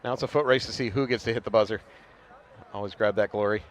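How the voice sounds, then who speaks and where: A man's voice: lowish voice, steady tone. A man doing color commentary on a paintball match, upbeat and relaying rulings from the judge. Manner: quick, upbeat, passes on updates from the judge. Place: outdoors at a paintball field. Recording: noisy outdoor event.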